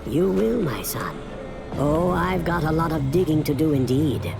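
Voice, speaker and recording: A man's voice: a little high, expressive, measured pace, vocal fry, music in the background. A man playing a knowing old gravedigger in a video game, with a cryptic, teasing, fatherly way of talking. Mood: wry, cryptic. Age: older. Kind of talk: dramatic video game acting.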